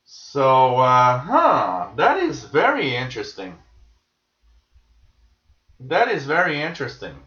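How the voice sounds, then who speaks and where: A man's voice: medium pitch, huge pitch swings, takes it slowly, pauses often, bright, forceful tone. A man hosting a live shortwave tuning stream, talking casually and musingly as he relays listeners' signal reports. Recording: dull, echoey room sound.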